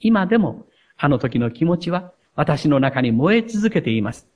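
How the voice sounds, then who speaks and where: A man preaching a sermon, taking his time as he reads a heartfelt story aloud. His voice sits a little high for a man and stays earnest and deliberate throughout. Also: sing-song, a little mellow. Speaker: pastor.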